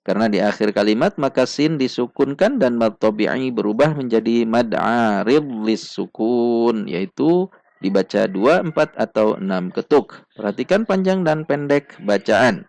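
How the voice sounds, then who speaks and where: Unhurried male tutor, gravelly and precise, drilling syllables. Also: mid-range voice, animated, a little mellow, no room sound. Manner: patient, repeats syllables slowly and precisely. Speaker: Quran recitation teacher. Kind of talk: step-by-step tajwid lesson with recited examples.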